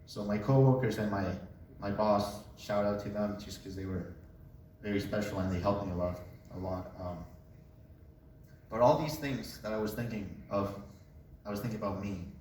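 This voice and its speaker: A young man from Colombia tells his story as a casual testimony, relaxed and joking. His voice sits a little low and comes from some distance from the mic. The room around him rings with heavy echo, and a faint hum runs underneath. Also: moderate pace. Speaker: speaker giving a testimony. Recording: echoey room, voice away from mic.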